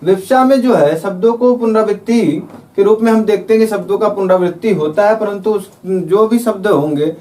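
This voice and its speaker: A man teaching a Hindi grammar lesson, explaining patiently, repeating himself with filler phrases and reading quoted verse lines slowly. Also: high voice, warm tone, recorded from a distance. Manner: repetitive, careful, with frequent filler phrases.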